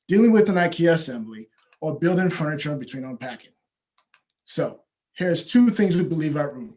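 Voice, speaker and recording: A man pitches his startup over a video call, his voice sitting a little high for a man. He speaks in a steady, rehearsed way, like he knows the script well. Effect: heard over a video call.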